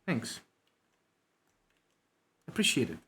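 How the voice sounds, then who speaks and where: A man's voice: takes it slowly, pushed and bright. A man, chatting casually and laughing often while he draws on a live stream. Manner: laughing often, loose and joking. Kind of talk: casual chat while drawing.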